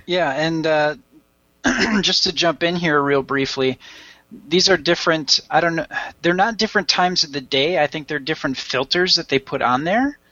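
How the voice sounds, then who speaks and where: A man co-hosts a casual chat with a fairly high, bright voice. He makes joking, self-deprecating asides. The sound is slightly muffled. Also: normal speed, dry recording. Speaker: podcast co-host.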